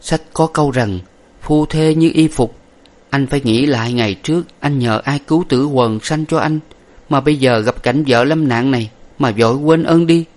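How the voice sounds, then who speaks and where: Brief: man doing a fading young wife in a storybook reading, high and hushed, weak and loving. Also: normal speed, close to an everyday voice. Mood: dying tender. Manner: soft, faltering farewell. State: dying, weak.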